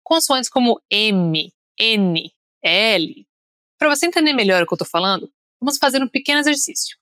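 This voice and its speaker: In studio-quality audio with no room sound, a young Brazilian woman with a Brazilian Portuguese accent runs an upbeat podcast pronunciation lesson, leading listeners through drills. Her fairly high, sharp-toned voice is animated and at normal speed.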